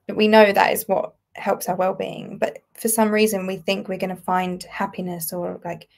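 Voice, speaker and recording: A woman's voice: mid-range voice, flat delivery, moderate pace, creaky. A British woman in her twenties, a writer and podcast guest, speaking thoughtfully in a casual conversation. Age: 20s.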